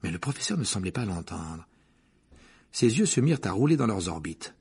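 Male audiobook narrator, low voice, gravelly, raspy, measured pacing. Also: very animated, darkish tone. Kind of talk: scripted narration.

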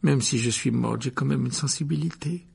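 A man's voice: mid-range voice, gravelly, a little mellow, husky, full character voice. A man voicing a weepy, self-pitying ghost girl who sobs and draws out her words. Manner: sobbing, slow and drawn-out.

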